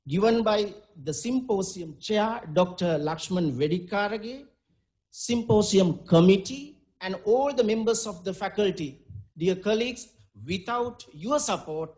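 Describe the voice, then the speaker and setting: A man with a Sri Lankan accent gives a formal scripted welcome address as a dean, with ceremonious, halting phrasing. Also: sits high, darkish tone.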